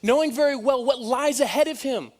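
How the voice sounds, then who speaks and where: A man preaching a sermon, telling the story in an animated way with joking asides. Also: very high-pitched, a little fast.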